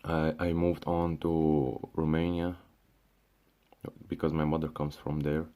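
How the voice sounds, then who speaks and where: A young Syrian vlogger rants casually in an extremely low, warm voice, slow and with little pitch movement. He keeps restarting and using fillers, swears, and calls the listener "bro."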